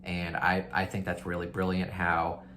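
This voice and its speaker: A deep, monotone male voice at normal speed, bright and forceful, carries a little hiss or hum. He's a book reviewer hosting a readalong, recommending books to viewers in a relaxed, eager, conversational manner.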